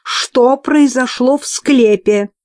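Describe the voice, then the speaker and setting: A woman's voice: high-pitched, slow pace, mellow, no room sound, clean studio sound, pitched above the performer's own voice. A woman playing a stern middle-aged mother superior who questions sharply and curtly. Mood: stern, demanding.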